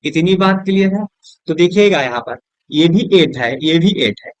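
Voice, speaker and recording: A man with Hindi-accented English, teaching a lesson at a board, asking questions and answering them himself, softer and lower on each answer word. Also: expressive, moderate pace, no echo, dull audio. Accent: Hindi-accented English words. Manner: drops low and soft on the answer words; keeps checking with "is that clear?".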